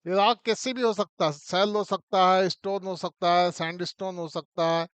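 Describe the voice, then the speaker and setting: A man teaching mining, explaining a model step by step in a relaxed classroom way and often checking in with the listener. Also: high-pitched, normal speed, clean tone, no echo.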